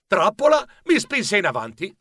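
Man, children's audiobook narrator, lively pitch, dry close mic. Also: moderate pace, no room sound. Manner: animated storyteller.

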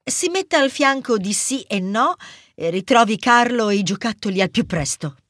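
A man reading a children's story, voicing a calm, efficient woman in charge who speaks in a polite, reassuring way. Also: high-pitched, normal speed, no room sound, clean studio sound, pitched above the performer's own voice.

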